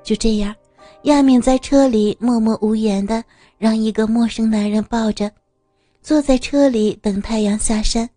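A woman narrating an audio story in a smooth, steady reading voice. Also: fairly high pitch, normal speed, dry recording, faint music behind.

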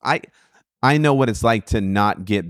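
Comedian guest, male, low voice, lively anecdotes, salty language, dry booth sound. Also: moderate pace, dry recording. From Sacramento area. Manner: animated storyteller, acts out quotes, swears freely. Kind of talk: casual podcast storytelling.

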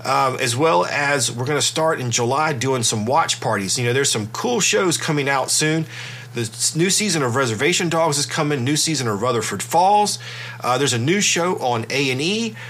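A man's voice: mid-range voice, moderate pace. Stuffy-nosed man hosting a podcast. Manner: relaxed, conversational, with fillers and restarts. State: congested, stuffy from illness. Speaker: podcast host. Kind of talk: casual podcast talk.

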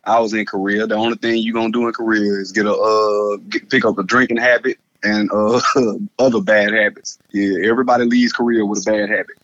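A man's voice: fairly low pitch, flat delivery, a little fast, a bit bright, muffled recording. A man, talking loosely and repeating words in a casual conversation, laughing often. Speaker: guest.

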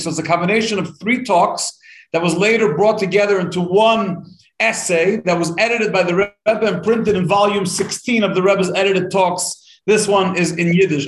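A man's voice: high-pitched, roomy sound, slight background noise, poor audio. A man teaching a live-streamed Torah lesson, chatty and upbeat as he greets viewers by name and then explains the text. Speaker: rabbi teaching a weekly Torah class.

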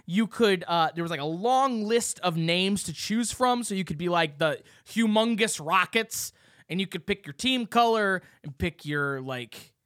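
A young man co-hosting a casual podcast chat, excited and rambling, swearing freely as he reminisces. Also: high-pitched, a little slow, no echo, studio quality. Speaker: podcast co-host.

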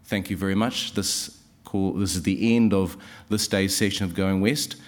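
A man with a New Zealand accent gives an informal speech of thanks in a deep voice. He goes haltingly, repeating words for emphasis. Māori phrases are woven into his oratory. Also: steady tone. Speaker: speaker giving closing thanks at a writers' festival.

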